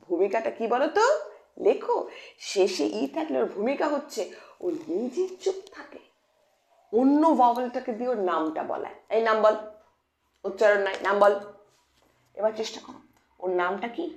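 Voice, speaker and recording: Patient Bengali teacher woman, gravelly voice. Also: fairly high pitch, animated, moderate pace, pauses often, a little mellow. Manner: patient, repeats key points and asks pupils questions. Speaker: English phonics teacher. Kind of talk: explanatory lesson for children. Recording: echoey room.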